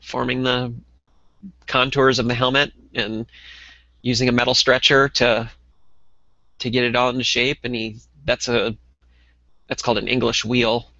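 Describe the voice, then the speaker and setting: A man's voice: medium pitch, level tone, moderate pace, gravelly, long pauses, pushed and bright, dry recording, highs cut off. A man co-hosting a casual podcast over a call, chatting loosely with lots of ums and restarts. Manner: conversational, many ums and restarts. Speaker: podcast co-host.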